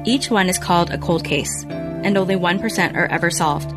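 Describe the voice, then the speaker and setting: Female true crime narrator, slightly low voice, measured scripted storytelling over a music bed.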